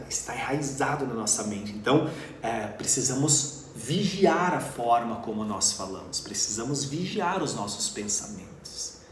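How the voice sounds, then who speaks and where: A man coaching public speaking to camera, earnest and stressing words with slow, emphatic pauses. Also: mid-range voice, echoey room, slight background noise. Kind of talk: motivational talk to camera.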